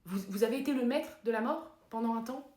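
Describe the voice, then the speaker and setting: A woman playing a calm, dry female psychotherapist in a comedy sketch, speaking softly and deadpan. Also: a little high, reverberant, voice pushed up, lightly acted. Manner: soft-spoken, measured, deadpan.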